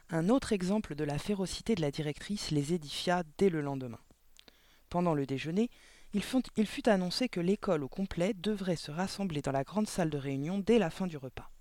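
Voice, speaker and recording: A man narrating a children's novel chapter aloud, lively and expressive, adding small asides to explain words. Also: fairly high pitch, dry recording. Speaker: audiobook reader. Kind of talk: storybook reading aloud.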